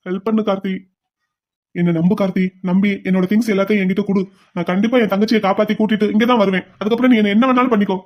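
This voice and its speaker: A performer voicing a hot-tempered man in a cartoon drama, shouting at some moments and pleading tearfully at others. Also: medium pitch, fairly even intonation, very fast, dull audio, natural voice. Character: hot-tempered man, desperate brother turned penitent. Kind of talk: cartoon voice acting.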